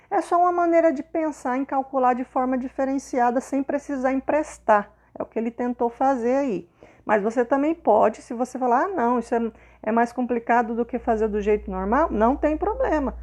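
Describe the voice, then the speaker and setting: A woman's voice: on the high side, a little mellow. A woman teacher with a Brazilian accent, patiently explaining schoolwork and often checking in with her pupils. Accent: Brazilian Portuguese.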